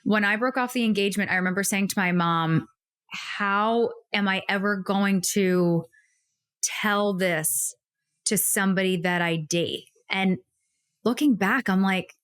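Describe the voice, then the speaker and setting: A woman's voice: medium pitch, a little slow, a bit bright, clear, resonant tone, no room sound, clean studio sound. A young woman co-hosting a casual podcast, talking emphatically with lots of "like" fillers, emotional and pregnant. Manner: emphatic, pep-talk delivery with frequent "like" fillers. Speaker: podcast co-host.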